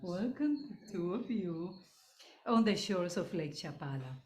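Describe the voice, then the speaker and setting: Slow, calm woman minister in an echoey hall. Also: lowish voice. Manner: calm, unhurried, leads a guided breath and prayer; switches into Spanish phrases for the prayer. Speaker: church minister leading the service. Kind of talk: church service welcome and opening prayer. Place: church service hall. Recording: echoey hall, faint room noise.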